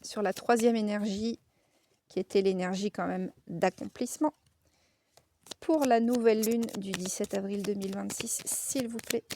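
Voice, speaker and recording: A woman's voice: mid-range voice, fairly even intonation, moderate pace, mellow, slight background noise. A woman with a Lorraine French accent giving a casual oracle card reading, chatty and frank, with frequent fillers.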